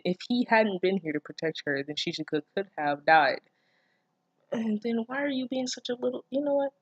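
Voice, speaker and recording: In this muffled, dry recording, a medium-pitched speaker casually reads fan fiction out loud, regularly interrupting to mock it with disbelieving, profane, sarcastic asides.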